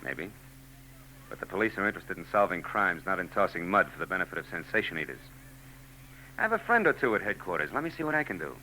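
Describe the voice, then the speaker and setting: Heavily acted and very animated, a low, pushed and bright male voice rattles off fast lines as a sardonic 1940s radio private eye who narrates, leads and swaps dry wisecracks. It's a rough recording on old broadcast tape with faint noise.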